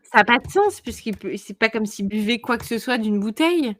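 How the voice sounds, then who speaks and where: A woman co-hosting a casual podcast chat, giggly and quick, often breaking off mid-sentence. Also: fairly high pitch, animated, fairly bright tone. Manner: giggly, quick, easily distracted. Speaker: podcast co-host.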